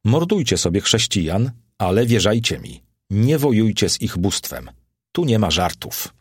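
A man's voice: lowish voice, very animated, moderate pace, husky, dry recording, clean studio sound. A man reading the part of a superstitious, fearful Roman nobleman at the emperor's court who warns the others earnestly and insistently.

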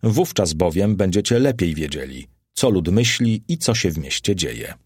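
A man's voice: sits low, expressive, normal speed, slightly rough, no echo. A man reading the part of an ironic, cool-headed Roman courtier who mocks the others with dry wit. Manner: dry, mocking irony.

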